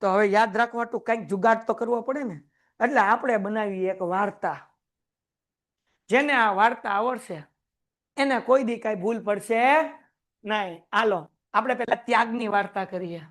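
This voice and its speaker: A man teaching a class, lively and joking as he quizzes his students. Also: sits high, normal speed. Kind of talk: classroom lecture.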